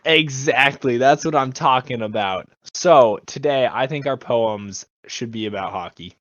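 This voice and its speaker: A young man co-hosting a podcast in casual, playful chat that is often halting. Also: medium pitch, fairly bright tone, no echo. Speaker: podcast co-host. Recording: dull lo-fi recording.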